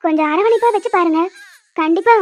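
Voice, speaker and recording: A woman doing a brisk high cartoon wet nurse. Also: darkish tone. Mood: matter-of-fact. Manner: brisk, matter-of-fact explaining. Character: calm experienced woman sent to feed the baby. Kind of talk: cartoon voice acting.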